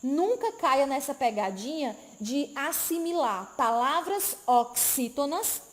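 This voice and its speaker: High-voiced woman teaching. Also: lively intonation, takes it slowly. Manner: didactic, frequent tag questions, emphatic repetition. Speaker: Portuguese teacher. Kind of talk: live online exam-prep class.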